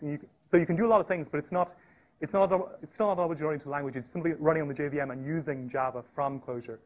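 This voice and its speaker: A man giving a live technical presentation at a meetup, talking fast with frequent restarts and fillers. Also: on the high side. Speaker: tech meetup speaker. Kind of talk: live technical talk with demo. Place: meetup room.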